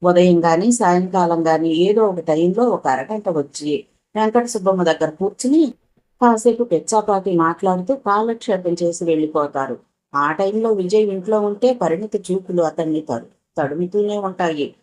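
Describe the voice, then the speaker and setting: A woman narrating a spoken story in a steady, measured reading. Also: on the low side, rough recording.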